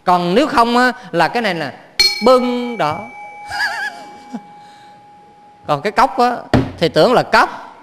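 High-voiced Southern Vietnamese monk preaching. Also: male voice, lively intonation, unhurried, pauses often, noisy background. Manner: playful, chuckling, keeps quizzing the audience. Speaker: Buddhist monk teacher. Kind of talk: sermon. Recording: reverberant hall.

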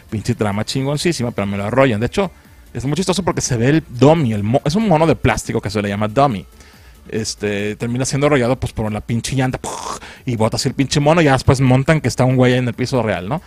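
A man's voice: mid-range voice, fast talker, a little mellow, faint music behind. A man with a Mexican accent giving a crude, mocking, slang-filled comedic film recap. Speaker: film critic.

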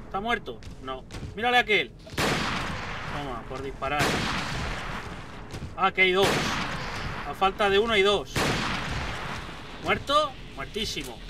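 Man, young adult, high-pitched, excitable let's play commentary, distant mic, gunfire noise behind. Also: measured pace, pauses often. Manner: excitable, swears a lot and talks to enemies on screen. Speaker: gaming YouTuber. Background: gunfire and game sounds.

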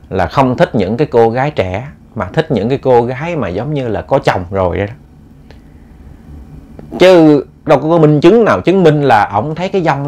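A man with a Southern Vietnamese accent tells a ghost story in a relaxed, conversational way. He speaks straight to his listeners and acts out the lines he quotes. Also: mid-range voice. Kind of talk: casual storytelling.

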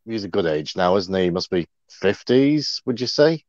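A man with a somewhat low voice co-hosts a casual livestream, rambling along with plenty of fillers. His sound is dry and dull, like a lo-fi mic in a dead room. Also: expressive, normal speed, a little mellow, no room sound. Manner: chatty, rambling, many fillers. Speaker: co-host.

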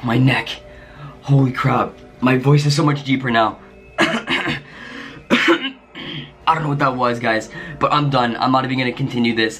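A man hosting a casual vlog, talking in jumpy, scared exclamations and sometimes dropping to a hush. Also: medium pitch. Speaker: YouTuber host.

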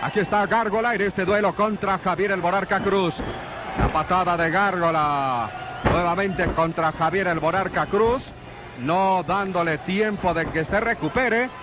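High-pitched Mexican wrestling commentator, a man. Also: a little slow. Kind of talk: live lucha libre play-by-play commentary. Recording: noisy old TV sports broadcast. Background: arena noise.

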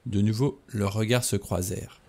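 A man reading a novel aloud as narrator, slow and deliberate with dramatic pauses. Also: fairly low pitch, fairly even intonation, dark tone. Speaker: audiobook reader.

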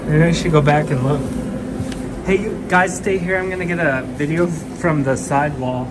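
A young father chatting casually as he films his kids at an indoor penguin exhibit, relaxed and chuckling. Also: on the high side, moderate pace. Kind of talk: casual family vlog narration. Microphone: handheld phone camera. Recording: noisy phone recording in an exhibit hall.

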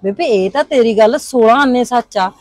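A woman's voice: on the high side, moderate pace, a little mellow, no echo, lightly acted. A woman playing a worried Punjabi headman's wife. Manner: worried, complaining. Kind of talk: village comedy drama.

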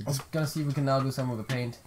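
A man talks quickly and casually while playing a game, his voice at a middling pitch. Faint noise and game ambience sit behind him. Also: fairly even intonation. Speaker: gamer playing and commentating. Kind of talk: casual let's play chat.

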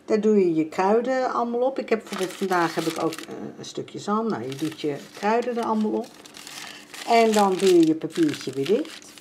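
An older Dutch woman chats casually in a home vlog, using plenty of fillers as she walks through her sewing and cooking. Her voice is mid-range, with slight background noise in the home interior.

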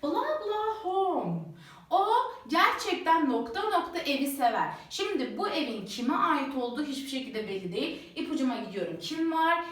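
A woman teacher walking through the answers to worksheet questions. She slows down whenever she reads out an English sentence. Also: high voice, distant mic. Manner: lively, slows down to read English sentences aloud. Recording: roomy echo, voice a bit off mic.

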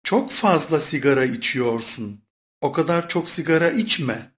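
A speaker reads short course phrases at a measured pace. The voice is mid-pitched, and the intonation moves up and down a lot. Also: expressive, a bit bright. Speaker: Turkish phrase reader. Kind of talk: scripted phrasebook reading.

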